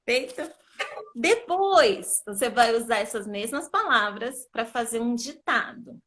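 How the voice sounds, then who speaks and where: Patient teacher lady on a video call, kinda high voice, keeps checking you got it. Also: lively intonation, a little slow, a bit bright. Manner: patient, explanatory, checks understanding often. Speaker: literacy educator. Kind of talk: live video call lesson.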